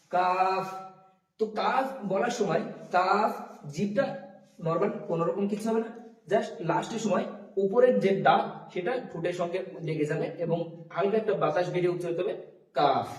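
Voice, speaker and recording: A man's voice: high-pitched, a little mellow, roomy sound, far from the mic, low-quality recording. A man teaching Arabic letter pronunciation, drawing out each sound and repeating it for learners to copy. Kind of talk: pronunciation lesson.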